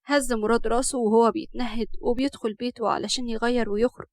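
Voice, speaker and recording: A woman with an Egyptian accent narrating a family story in a brisk, lively way. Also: fairly high pitch, no echo. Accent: Egyptian Arabic.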